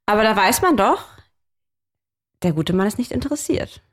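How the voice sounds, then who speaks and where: A woman's voice: mid-range voice, lively intonation, normal speed. A woman in her thirties, co-hosting a casual chat and animatedly telling dating stories, laughing often and mixing in English phrases.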